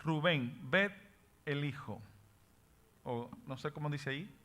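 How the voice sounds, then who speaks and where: A man leading a Bible study class in a high voice. He reads passages aloud, stops to explain word meanings, and checks in with his listeners. His tone is bright and forceful, and he sometimes drops English words into his explanations. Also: slow, a little hiss or hum. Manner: switches between Spanish and English words.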